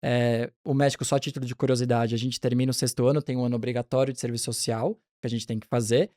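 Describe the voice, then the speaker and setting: A man in his forties, a pediatric neonatologist, telling his career story in a relaxed, chatty interview with frequent restarts. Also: medium pitch, fast talker, no echo, studio quality.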